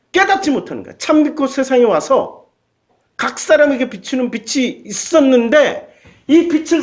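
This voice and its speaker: Male pastor, high voice, folksy sermon style, keeps throwing questions at the pews. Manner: colloquial, peppers congregation with rhetorical questions.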